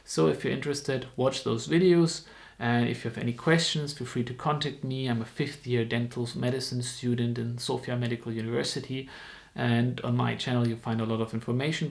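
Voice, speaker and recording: A man from Germany in his twenties, a dental student speaking English as a second language in a casual informational vlog, talking haltingly with frequent ums and restarts. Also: mid-range voice, creaky.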